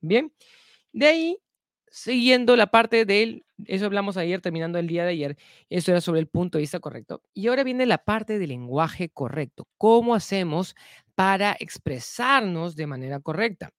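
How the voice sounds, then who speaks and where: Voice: medium pitch, very animated, normal speed, no room sound, clean studio sound. A speaker giving a spoken self-help lesson who keeps repeating key phrases, asks rhetorical questions and leans often on "entonces" to link ideas.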